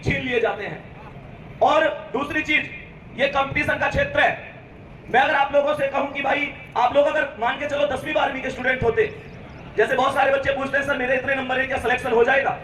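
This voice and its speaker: A man's voice: extremely high pitch, fairly bright tone, slight background noise. A male teacher with a Rajasthani accent giving an impassioned motivational speech to students, reciting verse and calling out to the crowd. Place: large hall at a meetup. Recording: echoey hall, voice from a distance.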